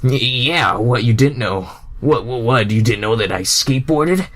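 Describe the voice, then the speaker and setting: A laid-back, friendly male hedgehog hero from a fan fiction tale, read by a man. He talks casually with a slight stammer and a very animated rise and fall. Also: mid-range voice, normal speed. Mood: excited.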